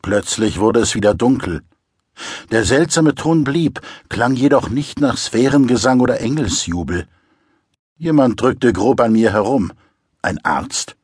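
A man narrating a crime novel audiobook in the first person, with measured, dryly wry storytelling. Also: mid-range voice, animated, a little mellow, husky, dry recording, clean studio sound.

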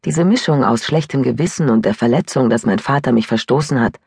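A woman's voice: a bass voice, fairly quick, vocal fry, a little mellow, husky, dry recording, heavily acted. Audiobook character: woman reading a young woman confessing her past, rueful, close and dry. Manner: rueful, sighing confessional telling. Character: troubled young woman recalling a broken engagement.

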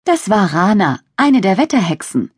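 A woman's voice: medium pitch, sing-song, husky, dry recording, studio quality. A woman voicing a kind, cheerful witch mother who speaks encouragingly in a children's storybook. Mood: warm. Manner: encouraging, brisk.

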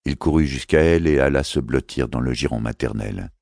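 A man reading a novel aloud as an audiobook narrator, in measured, even storytelling on a close studio mic. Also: a bass voice, gravelly, no room sound. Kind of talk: scripted narration.

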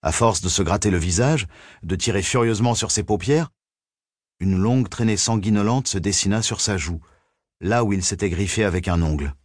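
A man narrating a thriller audiobook in a measured, suspenseful reading. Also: fairly low pitch, no room sound, studio quality.

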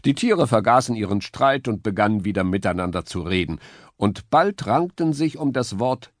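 A man narrating a children's audiobook in an expressive storytelling manner. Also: lowish voice, dry recording, clean studio sound.

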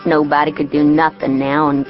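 A folksy, plainspoken country girl, acted by a woman tells her tale in a low-pitched voice. It is artless audiobook narration, slightly dull in sound, with guitar music behind. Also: little pitch movement, moderate pace, natural voice. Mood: matter-of-fact. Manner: folksy, artless, rustic grammar. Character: plainspoken ten-year-old country girl recounting her adventures. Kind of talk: first-person audiobook character narration.

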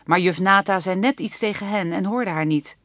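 A woman narrating a children's book audiobook with even, clear storytelling. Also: mid-range voice, moderate pace, no echo.

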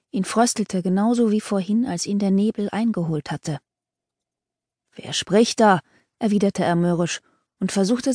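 A woman reads a historical novel in calm, measured narration. Her voice is mellow and warm, and the recording is close and dry, with no room sound. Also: medium pitch, dry recording. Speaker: audiobook narrator. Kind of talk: scripted narration.

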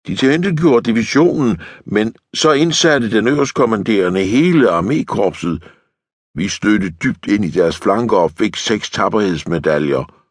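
A man's voice: lowish voice, lively intonation, slightly rough, no room sound, clean studio sound, voice pushed up. A male audiobook narrator playing a bitter, coarse tank lieutenant who swears and talks bluntly.

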